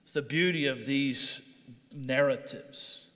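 A man's voice: mid-range voice, slow, fairly bright tone, long reverb tail. A man preaching a sermon, reading scripture aloud and then explaining it with rising intensity. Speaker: pastor. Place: church sanctuary.

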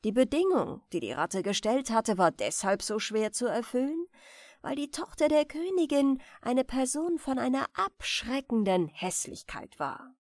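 Calm bedtime-story narrator, woman, slow, tuneful, dry close sound. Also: on the high side, no echo. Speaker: audiobook narrator. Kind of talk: bedtime fairy tale narration.

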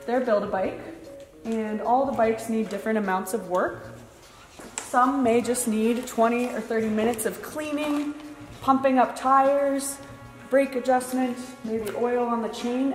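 A young woman giving a plain-spoken, instructional walk-through tour, her voice carrying an empty warehouse echo. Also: on the high side. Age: young adult. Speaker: bike shop tour guide. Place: large indoor warehouse. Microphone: clip-on chest mic. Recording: roomy empty warehouse echo, long reverb.

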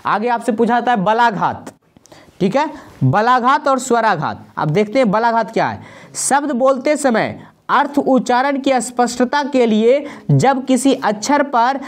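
A woman with a slightly high voice runs through an exam-prep grammar lesson. She states each rule, then lists short examples, pausing to check in with her students. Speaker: teacher.

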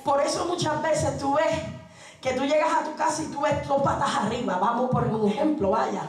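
A woman's voice: high-pitched, normal speed. A woman evangelist preaching a sermon, fiery and humorous, calling out to the congregation. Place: church sanctuary. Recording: very echoey church with congregation. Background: congregation answering amen.

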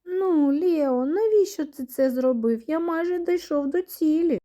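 An eager little boy from a children's storybook, acted by a woman reader. He exclaims in a high, bouncy voice. The sound stays mellow. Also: animated, measured pace. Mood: reproachful.

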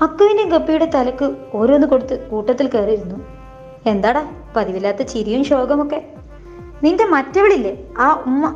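A woman reading a novel aloud, taking every part herself at an even, unhurried pace. Her voice sits high and sounds mellow. The recording is dull and lo-fi, with faint music underneath. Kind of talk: dramatized novel reading, first person.

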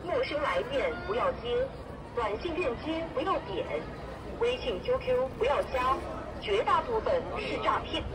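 A woman's high, lively voice recites rhyming warning slogans in a steady loop. It comes from a loudspeaker in an outdoor square. A dense crowd and loud traffic noise surround it. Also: moderate pace, pauses often. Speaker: public anti-fraud announcement. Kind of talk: looped loudspeaker announcement.

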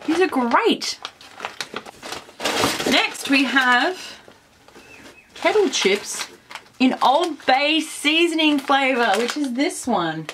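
A woman's voice: high voice, lively intonation, drawn-out words, pauses often, noisy background. An Australian woman chatting enthusiastically in a casual food taste-test vlog, full of "like" fillers. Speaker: food vlogger. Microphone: camera on tripod.

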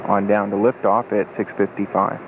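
A man giving calm, matter-of-fact official countdown commentary, with hesitant pauses. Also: lowish voice, phone-quality sound. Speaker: launch countdown public affairs commentator. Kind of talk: measured official live commentary. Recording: thin 1980s broadcast feed with faint noise.

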